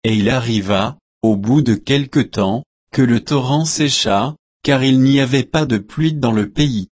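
Slow, measured male Bible reader. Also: medium pitch, slightly rough, no room sound. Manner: slow, measured reading in short phrases. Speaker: scripture reader. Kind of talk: scripted Bible reading.

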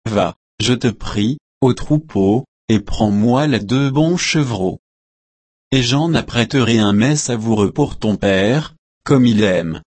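Scheming mother read by a man; slow, dry, unvoiced. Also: mid-range voice, darkish tone, slightly rough, no echo. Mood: urging. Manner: plain solemn reading. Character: mother scheming for her favorite son.

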